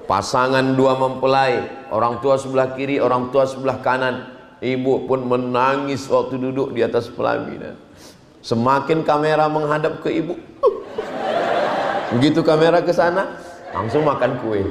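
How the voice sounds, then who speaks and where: A man's voice: mid-range voice, fairly even intonation, moderate pace. Joking male preacher in an echoing hall. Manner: joking storyteller who acts out dialogues. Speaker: Islamic preacher. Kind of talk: humorous sermon. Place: large hall with an audience. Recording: echoey hall, faint background noise.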